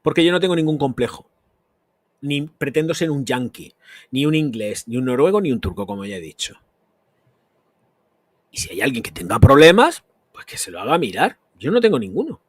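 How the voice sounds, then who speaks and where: A man's voice: mid-range voice, big pitch swings, normal speed, pauses often, husky, dry recording. Blunt ranting man. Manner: emphatic ranting, blunt and crude. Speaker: perfume reviewer and channel host. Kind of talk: live stream answering chat comments.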